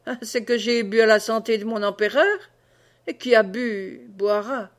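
A woman voicing a drunk, boastful old peasant man who blusters oaths and hiccups, slightly lower and slower than her own voice. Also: lightly acted.

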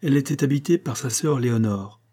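In this audiobook, an old woman leans in to share a secret, her voice dark and husky, as a male reader gives her lines. She talks eagerly and confidingly, a poor townswoman with a story to tell. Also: mid-range voice, fairly quick, close to an everyday voice.

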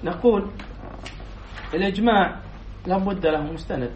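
Reading out a text to his students, a man explains it line by line, quizzing them and then repeating their answers. His voice sits a little high for a man and is a little mellow at normal speed. It's recorded from a distance across an echoey room, sounding dull and muffled with faint noise beneath.

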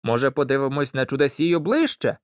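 A reader voicing an eager, curious farm boy in a storybook, excited and insistent. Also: mid-range voice, fairly quick, clean tone, no echo, studio quality, lightly acted.

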